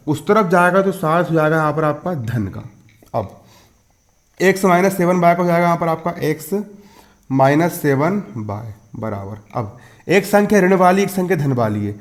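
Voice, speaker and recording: A maths teacher in his twenties with a fairly high voice teaches a school lesson, explaining each step and repeating key phrases. He keeps asking questions and answering them himself, checking that his pupils are following along.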